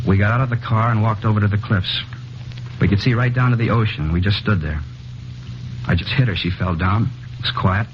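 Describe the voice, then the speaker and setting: A man playing a quiet, troubled young confessor. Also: fairly low pitch, brisk, a little hiss or hum, lightly acted. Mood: flat. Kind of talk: 1950s radio drama acting. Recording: dull old radio broadcast.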